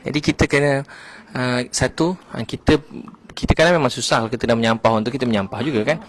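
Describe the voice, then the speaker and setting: A Malaysian man giving a casual religious talk, telling stories in an animated way with many "ha" fillers. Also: mid-range voice, quick pace. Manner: animated storytelling, frequent "ha" fillers. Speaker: religious preacher.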